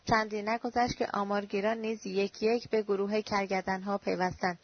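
Woman, audiobook narrator, measured steady reading, mid-pitched voice, dull lo-fi recording.

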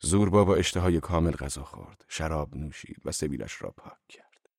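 Calm low-voiced male narrator. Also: creaky, breathy edge, dry recording, studio quality. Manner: measured, calm storytelling. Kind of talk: first-person audiobook narration.

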